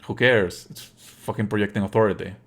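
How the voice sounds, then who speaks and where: In a casual game-commentary livestream, a man gives scornful, opinionated takes, swearing and explaining haltingly while repeating phrases. His voice sits on the low side with fairly even intonation and a somewhat bright quality.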